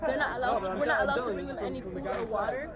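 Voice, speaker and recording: A woman's voice: on the high side, quick pace. A young woman protester speaking emphatically in an interview, often saying "like". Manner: emphatic, uses "like" a lot. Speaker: student protester. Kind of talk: impassioned street interview. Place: outdoors at a protest. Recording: outdoors amid loud crowd.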